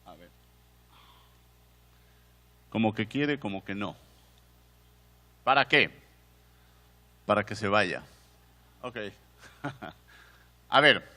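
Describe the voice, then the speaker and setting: His voice sits on the low side, pushed and bright, with lively intonation, drawn-out words, and long pauses. The man, a museum director with a Mexican Spanish accent, gives a chatty conference lecture, quizzing listeners and repeatedly restarting phrases in a hall with long reverb.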